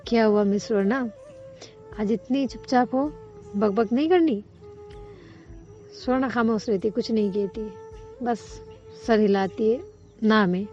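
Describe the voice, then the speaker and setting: A woman telling a romantic story in a gentle, unhurried way with frequent pauses. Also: on the high side, vocal fry. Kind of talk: storytelling narration. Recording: slightly dull recording, soft music behind.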